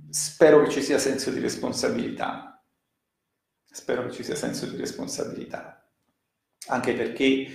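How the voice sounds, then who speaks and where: A man with a gravelly edge reads verse slowly and then reflects in a measured, deliberate way. He talks at an unhurried pace. His voice echoes strongly around a very roomy space. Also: mid-range voice, a little mellow. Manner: measured and deliberate, with hesitant fillers when talking freely. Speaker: speaker reciting poetry and commenting. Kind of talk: slow poetry recitation and reflective commentary. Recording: very echoey room.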